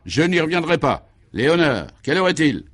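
A man voicing a dapper, fastidious police commissioner in his fifties in a vintage radio play, speaking in a clear, crisp, commanding way. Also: fairly high pitch, sing-song, voice pushed up. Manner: crisp, commanding, fussily precise.

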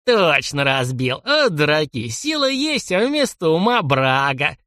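Old jailer boss, creaky and high, sneering and bossy , a man reads him; slow drawn-out taunts, pitch swinging wide, dry close sound. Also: big pitch swings, bright, forceful tone, no room sound, exaggerated voice. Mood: mocking, bossy. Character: scrawny cackling old male jailer boss. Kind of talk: audiobook character voice.

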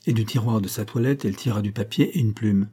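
A man narrating a classic French novel as an audiobook, at a measured, even pace. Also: lowish voice, husky. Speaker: audiobook reader.

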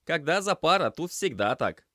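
A man playing a brisk, snappy young kitchen hand. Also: high voice, wildly swooping pitch, dry recording, clean studio sound, pitched above the performer's own voice. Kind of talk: audiobook character voice.

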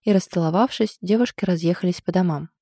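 A woman reads an audiobook aloud with steady, expressive storytelling. Her voice is low and mellow. The recording is dry and close. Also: fast talker, dry recording. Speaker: audiobook narrator. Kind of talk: scripted audiobook narration.

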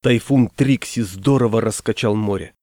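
Mellow male audiobook narrator. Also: fairly low pitch, no room sound, studio quality. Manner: measured, storytelling.

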